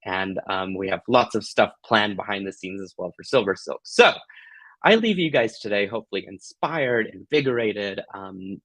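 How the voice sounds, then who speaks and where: Gushing, affectionate man hosting a craft tutorial, lowish voice. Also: normal speed, fairly bright tone, dry recording, rough recording. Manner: giggly, playful.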